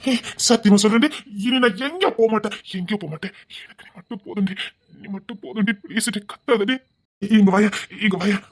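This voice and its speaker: A woman's voice: medium pitch, fairly quick, close to an everyday voice. A woman voicing a proud, ambitious businessman who is also a husband and father, in an audio drama. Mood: soothing. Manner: boastful, later pleading and anxious.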